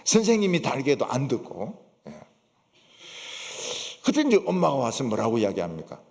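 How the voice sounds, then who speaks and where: A man's voice: medium pitch, wildly swooping pitch, normal speed, creaky, a little mellow. A male pastor with a Gyeongsang accent preaching in a church, emphatic and full of rhetorical questions and affirming asides. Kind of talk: sermon. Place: church sanctuary. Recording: long church reverb.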